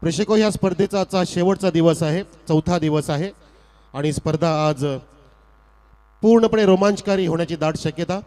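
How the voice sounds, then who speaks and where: High-voiced man announcing over a PA system. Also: normal speed. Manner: formal, flowery announcer delivery that rises sharply on big shots. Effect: heard over a PA system. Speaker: cricket match commentator. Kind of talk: live local cricket commentary. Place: outdoor cricket ground. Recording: long echo from a loudspeaker PA.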